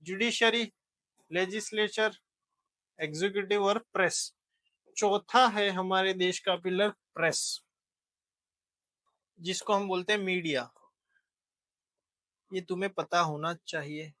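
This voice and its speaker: A man's voice: high voice, steady tone, slow, long pauses, sharp tone. A young man teaching a casual exam-prep lecture, chatty and jokey, mixing English terms into his talk.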